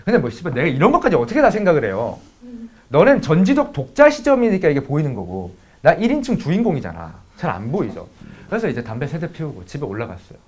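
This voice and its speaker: A man's voice: fairly high pitch, huge pitch swings, quick pace, husky. A man teaching math to students, mixing a blunt, profanity-laden personal story into a casual lecture. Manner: blunt, swears freely, talks straight to students.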